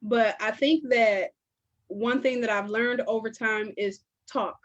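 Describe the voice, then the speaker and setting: A woman with a somewhat high voice hosts a relaxed, conversational talk, now and then stretching her words out slowly. The audio is dull and lo-fi, like a home livestream. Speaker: host. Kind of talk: casual chat.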